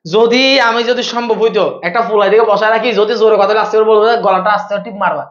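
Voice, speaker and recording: A young man from Chittagong with a Chittagonian accent, teaching accounting in a loud, playful way and answering chat questions during a live online class. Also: high-pitched, fairly even intonation, very fast, echoey room, highs cut off. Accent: Chittagonian Bengali. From Chittagong, Bangladesh.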